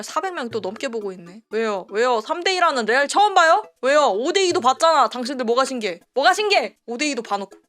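A woman streaming a live football match reaction, emotional and swearing, yelling at the players. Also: fairly high pitch.

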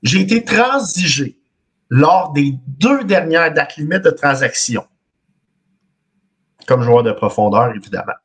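A man in his thirties with a Quebec French accent hosts a quiz over a webcam call. His voice sits a bit high and sounds husky. He reads the clues in the first person and laughs often. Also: expressive, unhurried, long pauses, a bit bright. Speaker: quiz host. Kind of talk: casual podcast quiz on a video call. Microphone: video call webcam.

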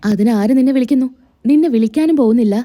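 A stern, cold young husband voiced by a woman storyteller in a serial retelling, speaking in a fairly high, dark and mellow tone with a flat, dismissive manner. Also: quick pace, natural voice.

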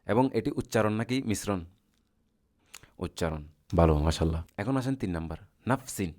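A man's voice: low-pitched, expressive, normal speed, darkish tone. A man, teaching Arabic grammar. He keeps asking his students questions, then answers them himself, and goes over each point again patiently. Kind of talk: classroom lecture.

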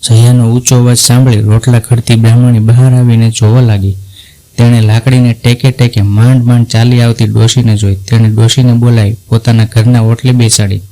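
A man narrating a devotional folk tale in an even, unhurried storytelling voice. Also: medium pitch, rough recording.

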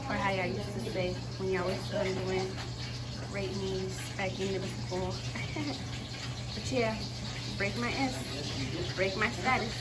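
A young woman chatting casually in a home vlog, relaxed and rambling with fillers, filmed on a phone held at arm's length. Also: medium pitch. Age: young adult. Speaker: vlogger. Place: home, kitchen and bedroom indoors.

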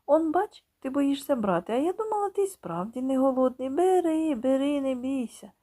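A woman's voice: high voice, lively intonation, moderate pace, warm tone, pitched above the performer's own voice. A woman voicing a scornful village aunt who speaks falsely sweet and mocking.

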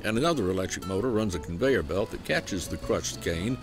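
A man with a Southern US accent tells the story in scripted documentary narration, his lowish voice rising and falling with plenty of life. He keeps a folksy, unhurried pace, and music plays clearly under his voice. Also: lively intonation. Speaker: program host and narrator.

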